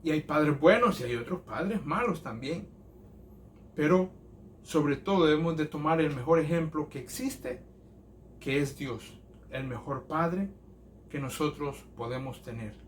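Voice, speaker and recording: A male pastor giving a sermon in a church, speaking earnestly and in a measured way with hesitant fillers. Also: on the high side, a little hiss or hum.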